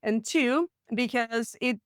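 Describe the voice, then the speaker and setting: A woman in her late twenties from Latvia, speaking with a Russian accent, hosts a solo business podcast and tells her own story candidly, quickly and chattily, laughing often. Her fairly high voice is clear and resonant, recorded in studio quality with no room sound.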